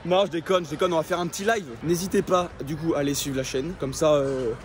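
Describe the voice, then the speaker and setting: A man talking casually to camera for a vlog, relaxed and hesitant. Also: on the high side, fast. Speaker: vlogger. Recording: noisy outdoor street.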